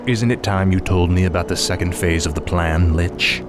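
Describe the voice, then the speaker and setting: Fallen prince turned undead death knight, male actor: low voice, imperious, menacing, video game drama over loud music. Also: steady tone, moderate pace, lightly acted. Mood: curious, impatient. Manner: commanding, menacing.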